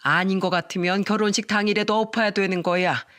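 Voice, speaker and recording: A woman's voice: medium pitch, steady tone, fairly quick, a bit bright, lightly acted. A woman voicing an upset, protective middle-aged mother who firmly backs her daughter. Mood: indignant. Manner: firm, comforting and upset.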